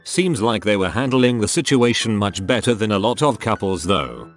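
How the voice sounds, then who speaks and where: Narrator, male, low voice, flat reading of online stories over soft music. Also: normal speed. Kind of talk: scripted narration. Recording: faint music underneath.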